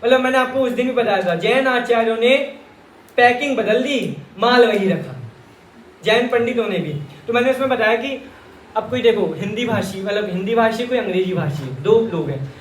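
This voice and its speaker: A man's voice: very high voice, normal speed, slight background noise. Man, from Rajasthan, Jain scripture teacher, joking sermon style, echoey hall, faint room ambience. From Rajasthan, India. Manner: chatty and joking, often addresses listeners as brother. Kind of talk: scripture discourse to a live audience.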